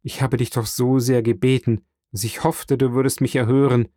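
A man's voice: mid-range voice, steady tone, moderate pace, mellow, no room sound, studio quality, close to an everyday voice. A man voicing a desperate young male prisoner who speaks in a pleading, fervent way. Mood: despairing.

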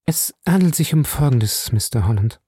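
Man doing earnest young woman, measured, audiobook. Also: mid-range voice, expressive, warm tone, slightly rough, dry recording. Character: young lady, earnest and composed. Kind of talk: audiobook reading.

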